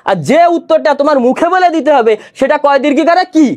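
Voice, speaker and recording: A man in his thirties, a Bangla teacher, giving a promotional talk to students in a lively, jokey way and acting out his examples. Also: very high-pitched, fast.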